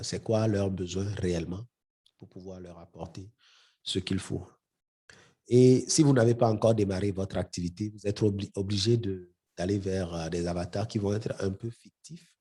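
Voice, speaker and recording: This middle-aged webinar trainer, who has a head cold, addresses the audience of his live marketing session directly. He sounds low, mellow and husky, and his delivery is hesitant with frequent repeated words.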